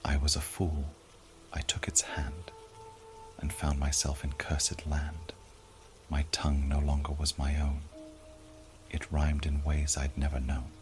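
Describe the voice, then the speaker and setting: A man voicing a haunted, cursed man who confesses in hushed, half-whispered rhyme. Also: extremely low pitch, monotone, unhurried, long pauses, music in the background.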